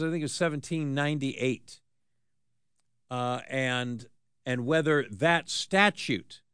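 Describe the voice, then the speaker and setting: An American man hosting talk radio, giving unscripted commentary in a halting, deliberate manner. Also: fairly high pitch, a bit bright, smooth, no echo, studio quality.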